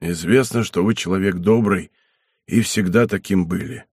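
A man voicing an old ailing knight in an audiobook, speaking slowly and heavily, softened by emotion, with a husky voice. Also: mid-range voice, expressive, no echo, studio quality, natural voice. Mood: weary. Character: old ailing male knight, weary and stubborn. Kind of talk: audiobook character reading.

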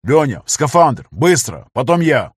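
A no-nonsense male pilot, voiced by a man narrating a sci-fi audiobook, giving short, clipped commands. His tone is husky and dry. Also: medium pitch, very animated, measured pace, no room sound. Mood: commanding. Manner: clipped orders.

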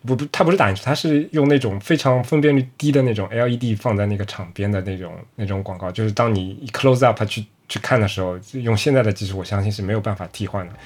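Casting note: male podcast host, quick delivery, lowish voice, easygoing chat. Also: a little mellow, breathy edge. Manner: chatty, drops in English words. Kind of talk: casual podcast conversation.

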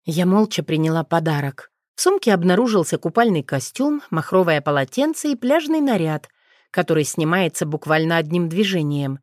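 A woman narrating a first-person audiobook in a steady, expressive storytelling manner. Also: on the low side, moderate pace, no echo, clean studio sound.

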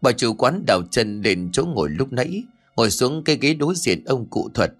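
A man narrating a scripted horror story, telling it in a dramatic and animated way. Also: medium pitch, normal speed. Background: faint music.

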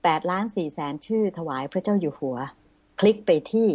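A woman hosts a Buddhist radio talk show from the studio. Her voice sits on the low side and the sound is dry and close with no room around it. She speaks politely and formally, softening each point with courtesy particles. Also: lively intonation, brisk, breathy edge, no room sound.

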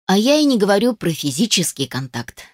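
A woman narrating a first-person fantasy novel in a sardonic, brisk manner. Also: medium pitch, very animated, no room sound, studio quality. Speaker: audiobook narrator.

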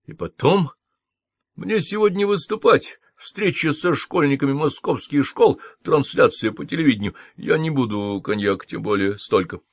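A man's voice: a little high, expressive, moderate pace, no echo, voice pushed up. A man voicing a timid, confused junior colleague who speaks hesitantly and politely in an audiobook.

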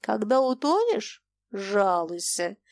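A woman's voice: mid-range voice, big pitch swings, slow pace, no room sound. A woman reading aloud and voicing a young merchant man who jeers and mocks. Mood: mocking.

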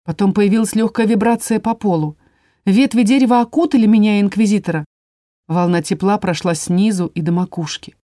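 A woman narrating a first-person fantasy story in an even storytelling manner. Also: medium pitch, fairly quick, no echo, clean studio sound. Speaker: audiobook narrator.

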